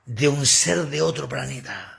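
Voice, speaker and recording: A man preaching a livestreamed sermon on his phone, animated and full of asides to the viewers. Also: medium pitch, unhurried, creaky, husky.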